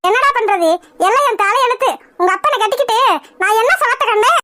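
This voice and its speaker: A woman's voice: extremely high pitch, brisk, sharp tone, dry recording, clean studio sound. A woman voicing a weepy, complaining young daughter-in-law in a cartoon comedy, in a whiny voice.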